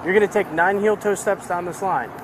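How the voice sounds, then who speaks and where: A man's voice: high-pitched, fairly quick. A male police officer giving methodical, repetitive step-by-step instructions for a sobriety test. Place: outdoor city sidewalk at night. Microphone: body-worn camera on the speaker. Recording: noisy outdoor body camera audio. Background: street and vehicle noise.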